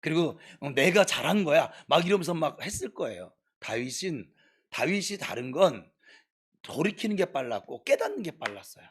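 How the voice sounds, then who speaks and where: Lively, high-voiced preacher man scolding his flock. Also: moderate pace, slightly rough. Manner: exhorting, swings from soft to scolding shouts. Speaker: pastor. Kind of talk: sermon. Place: church.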